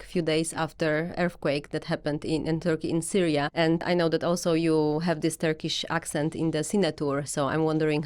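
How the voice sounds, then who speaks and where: A woman's voice: deep voice, a little mellow, clear, resonant tone. A woman interviewer who speaks English as a second language, introducing topics and putting questions to a guest. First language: not English.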